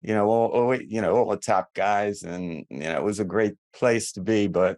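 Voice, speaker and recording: A man in his seventies with a New York accent, an orthodontist guesting on a podcast, chats casually and rambles a bit with self-deprecating humor. His voice is on the low side and darkish at a normal speed, recorded with studio quality and no echo.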